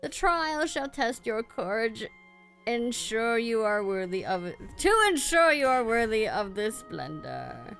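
A woman's voice: fairly high pitch, big pitch swings, a little slow, vocal fry, fairly bright tone, faint music behind, exaggerated voice. A woman reading as the ancient Great Deku Tree. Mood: solemn. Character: ancient wise male tree spirit, solemn. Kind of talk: reading game dialogue aloud.

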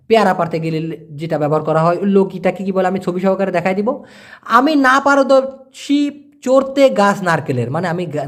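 A man giving a casual language lesson, explaining slowly and repeating words as he breaks them down. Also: high voice. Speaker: language teacher.

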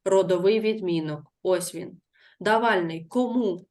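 A woman's voice: lowish voice, a little slow, a little mellow. A woman teacher giving a classroom grammar lesson, patiently repeating her pupils' answers and asking guiding questions. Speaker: primary school teacher.

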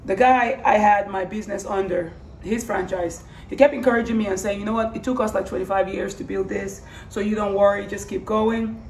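Hoarse, creaky woman with voice giving out. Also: mid-range voice, steady tone, a little fast, a little mellow. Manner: earnest, rambling, repeats phrases for emphasis. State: hoarse, losing her voice. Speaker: vlogger. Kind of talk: casual personal testimony vlog. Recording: roomy, distant mic, faint background noise.

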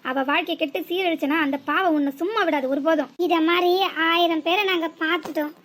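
Woman voicing a mocky rough cartoon thug guy, high voice, sneering. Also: steady tone, fast, a bit bright. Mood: taunting. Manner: taunting and rough. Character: mocking male village thug.

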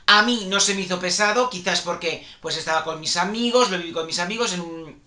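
Male vlogger, bright and sharp tone, talky and opinionated. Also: high-pitched, a little fast. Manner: chatty, opinionated, reassuring the viewers. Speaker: music channel host. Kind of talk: casual opinion commentary. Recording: echoey room.

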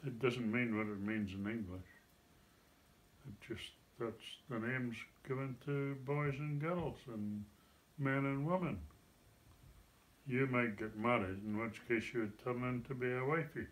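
Slow-talking elderly man, broad Doric Scots. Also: mid-range voice, low-quality recording. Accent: broad North East Scots (Doric). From North East Scotland. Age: 70s or older. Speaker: grandfather. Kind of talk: casual chat, explaining and reciting dialect. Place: living room at home, seated in an armchair. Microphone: phone camera a short way off.

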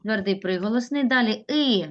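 A woman's voice: medium pitch, moderate pace, muffled recording. A woman teaching a classroom lesson, stretching out words as she dictates and coaxing pupils with questions. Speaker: primary school teacher.

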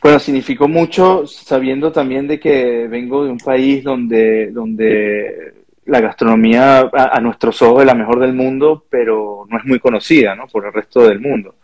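A man's voice: mid-range voice, fairly even intonation, normal speed, a little mellow. A Venezuelan chef in his thirties with a Venezuelan accent, speaking earnestly on a video call interview, often tagging his sentences with a questioning "no". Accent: Venezuelan Spanish. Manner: earnest, thoughtful, frequent restarts and "¿no?" tags. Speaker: chef and restaurant owner. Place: home or office room with pictures on wall, indoors. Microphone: video call, earbuds.

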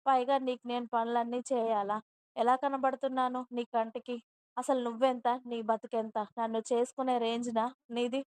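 A defiant, spoiled young wife from a storybook, as a woman narrator puts her on. She answers back with haughty scorn in a higher voice that stays flat and even in its tune. The sound is smooth and clear, close and dry. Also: moderate pace, no echo, lightly acted. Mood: scornful.

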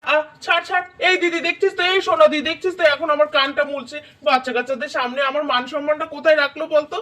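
A performer voicing a hurried younger brother who coaxes and pleads with his sisters in a doll puppet show. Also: high voice, steady tone, a bit bright. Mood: protesting.

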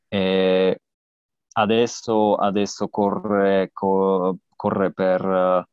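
Halting Slovak-accented man, very slow-paced. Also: low voice, clean tone, no room sound. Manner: halting, searching for words in imperfect Italian. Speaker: guest cycling journalist and podcaster. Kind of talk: interview over video call. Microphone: earphone headset on a video call. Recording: dull, lo-fi video-call audio.

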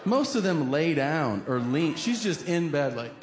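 A middle-aged man performing stand-up, with a lively, swooping delivery and an unhurried pace. He sounds animated and exasperated, and his voice rings in a reverberant room over loud background noise. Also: a little high. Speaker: stand-up comedian. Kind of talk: stand-up comedy storytelling.

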